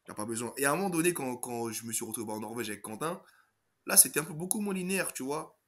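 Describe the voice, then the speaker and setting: A man's voice: mid-range voice, expressive, fast talker, fairly bright tone. A middle-aged former footballer from France, speaking in casual chat that halts and repeats words as he searches for them. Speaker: former footballer, podcast regular.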